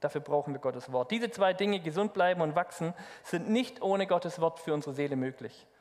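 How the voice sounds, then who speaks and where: A man preaching a sermon, lively and speaking directly to the congregation. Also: on the high side, moderate pace. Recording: long hall reverb.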